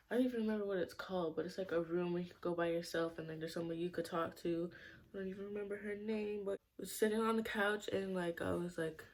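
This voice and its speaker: A young woman vlogger telling a personal story in her bedroom, rambling and saying "like" constantly. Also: lowish voice. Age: young adult. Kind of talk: casual storytime vlog. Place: bedroom at home.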